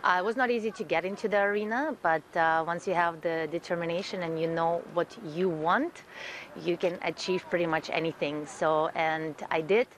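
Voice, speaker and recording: A woman in her thirties speaks in a fairly low voice, earnest and warm-hearted in her account of herself. She leans on fillers and repeats words as she talks. A faint hiss of noise sits under the recording. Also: fairly even intonation, normal speed. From Russia. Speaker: guest, event producer. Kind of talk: guest interview, self-introduction.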